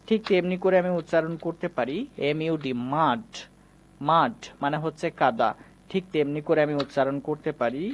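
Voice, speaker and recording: A man teaching a reading lesson, explaining patiently and slowly repeating each example word. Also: fairly high pitch.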